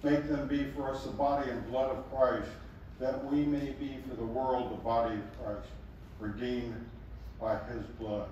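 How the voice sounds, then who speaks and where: A man acting as pastor recites a communion liturgy at a measured, solemn pace. He sounds set back from the microphone, and the chapel's strong echo rings around every phrase. A faint hum of room noise sits underneath. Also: mid-range voice, fairly even intonation, darkish tone, recorded from a distance, muffled recording.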